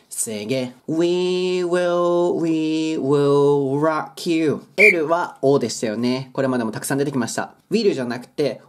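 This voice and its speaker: A young man with a Kansai accent giving a chatty, brisk English pronunciation lesson at home, reading lyric lines slowly and clearly. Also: medium pitch, darkish tone. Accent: Kansai Japanese.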